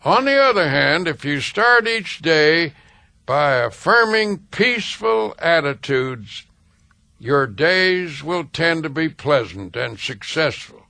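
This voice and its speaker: A man reading a self-help book aloud as scripted narration, slow, measured and soothing, with deliberate pauses. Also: on the high side, sing-song, gravelly, bright, forceful tone, dry recording. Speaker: audiobook reader.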